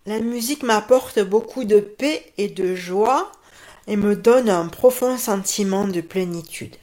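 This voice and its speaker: A woman, a pianist and teacher calmly answering radio interview questions. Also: medium pitch, unhurried. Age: 50s.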